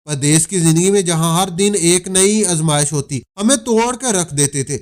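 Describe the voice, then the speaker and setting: A man with a notably high voice tells a first-person story. His delivery is earnest and steady, like a storyteller reading aloud.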